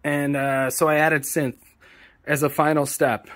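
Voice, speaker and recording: A songwriter and producer in his forties, this man rambles through an explanation of his process in a casual vlog, correcting himself as he goes in plain language. His fairly high, fairly bright voice comes out flat and unhurried, recorded on an arm's-length phone in a small room.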